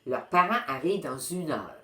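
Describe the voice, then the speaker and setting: A woman voicing a dignified, scheming male farm animal who speaks in a calm, measured way. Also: heavily acted. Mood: sly. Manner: calm, measured, low-key. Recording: roomy echo.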